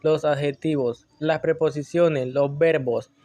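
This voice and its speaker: A man reading class notes aloud in a measured, list-like way, with occasional slips. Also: a little high, fairly even intonation, warm tone, no room sound. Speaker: student presenter.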